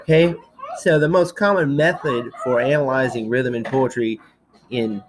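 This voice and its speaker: Very low-voiced woman teacher. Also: moderate pace, crowd noise, low-quality recording. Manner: chatty, checks in with frequent "okay". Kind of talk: recorded slideshow lecture.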